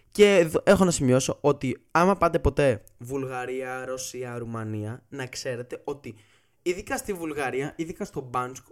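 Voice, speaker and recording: A man telling a comic travel anecdote in a casual, profane and animated way, acting out the dialogue. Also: on the high side. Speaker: storyteller.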